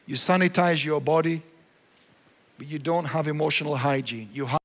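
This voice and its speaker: A man's voice: a little high, normal speed, a bit bright, big-room sound. A male pastor preaching a sermon, emphatic and repeating his key phrases.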